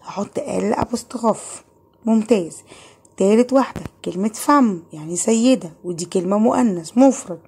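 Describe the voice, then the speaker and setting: A woman's voice: mid-range voice, normal speed, a little mellow, a little hiss or hum. A woman with an Egyptian Arabic accent giving an online French grammar lesson, patiently asking questions and answering them herself. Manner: patient, asks and answers her own questions. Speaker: French teacher.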